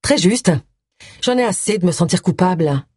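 A woman's voice: fairly low pitch, animated, normal speed, darkish tone, slightly rough, dry recording, clean studio sound. A woman voicing a nosy, headstrong middle-aged amateur detective with a brash manner. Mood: sheepish.

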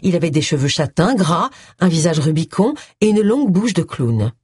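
A woman narrating an audiobook in expressive storytelling style. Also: fairly low pitch, normal speed, husky, no room sound, studio quality. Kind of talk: scripted narration.

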